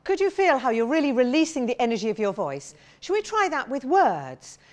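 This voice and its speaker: Lively woman voice coach. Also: high voice, a little fast. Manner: encouraging, demonstrating sounds with big slides and shouts. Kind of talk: vocal warm-up lesson.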